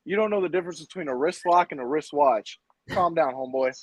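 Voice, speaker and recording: A man's voice: on the high side, quick pace, dry recording, low-quality recording. A man trash-talking a rival on a wrestling podcast, brash and repeating himself, tossing out "bro" and "y'all". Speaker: indie wrestler, guest.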